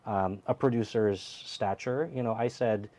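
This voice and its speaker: Earnest reflective guy in his thirties, mellow tone, kinda low. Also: measured pace. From United States. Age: 30s. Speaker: theater co-producer, guest. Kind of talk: interview conversation.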